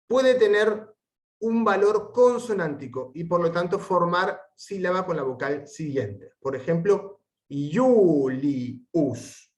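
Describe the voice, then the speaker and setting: Guy teaching latin online, slow careful delivery, slightly high voice, breaks words into syllables. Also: expressive. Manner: reads the Latin text aloud deliberately. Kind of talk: recorded online lesson.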